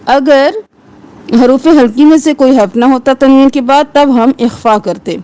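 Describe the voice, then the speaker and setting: A woman teaching tajweed, spelling out letters and vowel marks and then reciting the verse slowly and drawn out. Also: high-pitched, dark tone.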